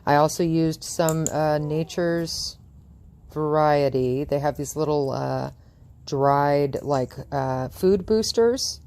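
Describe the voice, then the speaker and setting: A woman's voice: low-pitched, takes it slowly, a little mellow. A woman dog trainer chatting through a training session outdoors in front of a house, cooing praise at the dog and laughing often.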